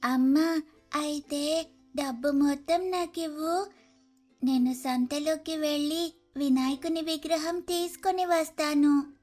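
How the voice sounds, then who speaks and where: This is a timid little female sparrow chick from a cartoon story, voiced by a woman. The voice sits very high and moves slowly, with a pleading quality. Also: steady tone, a little mellow, faint music behind. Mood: eager.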